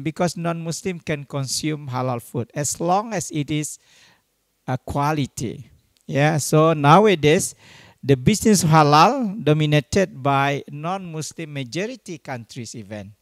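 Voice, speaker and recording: Slow, deliberate male lecturer. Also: a little high, no echo, studio quality. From Indonesia. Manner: unhurried, tags points with "yeah". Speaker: guest lecturer. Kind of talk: academic lecture.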